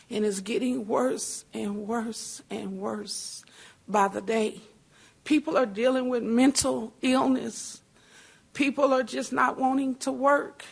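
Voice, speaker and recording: A woman's voice: a little high, gravelly, breathy edge. A woman giving an impassioned public comment at a council podium, pleading and repeating her points. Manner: pleading, repetitive, churchlike phrasing. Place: city council chamber. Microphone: podium microphone.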